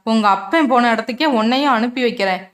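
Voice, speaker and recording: A woman voicing a scheming, vengeful man who shouts angry threats in an audio novel. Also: a little high, fast, close to an everyday voice. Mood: furious.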